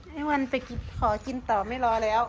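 A woman's voice: fast, muffled recording, a little hiss or hum. A woman with an Isan Thai accent, chatting casually and coaxing her pets in a sing-song voice. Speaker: pet vlogger.

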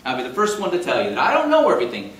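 Lively male lecturer in his fifties, taken from a far camera in a roomy hall, faint hum. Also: medium pitch, very fast. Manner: animated, jokey, talks with big hand gestures and quoted voices. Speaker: chiropractor teaching a class. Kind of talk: live classroom lecture. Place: meeting room with projector screen. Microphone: far camera in the room.

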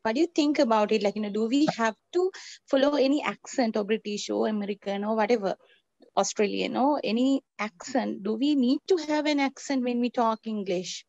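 A woman's voice: a little high, a little fast, a little mellow, dry recording, highs cut off. A woman with a Sri Lankan accent politely asking a question in a seminar, hesitant with lots of "like, you know". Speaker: seminar participant.

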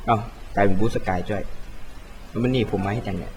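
A man's voice: fairly low pitch, fast talker, darkish tone, slight background noise. Playful young man with Isan twang. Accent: Thai with Isan dialect words. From Thailand. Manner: playful, rambling, self-correcting. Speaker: game commentator. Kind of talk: casual gameplay commentary.

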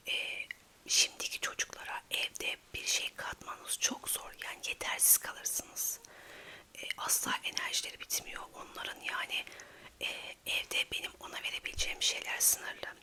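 A woman chats casually in a hushed, quiet late-night ASMR whisper. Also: moderate pace. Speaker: ASMR video creator.

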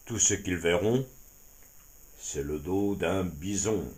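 A man voicing a huge, wise old male bison who speaks slowly and solemnly in a storybook. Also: a little mellow. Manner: slow, deep, solemn speech. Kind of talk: storybook character voice.

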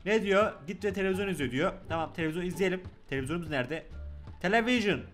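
A young man with a Turkish accent giving joking, excitable let's-play commentary, talking loudly to the game's baby. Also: high-pitched, very fast, faint music behind. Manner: loud, joking, excitable, talks to the game baby. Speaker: gaming YouTuber.

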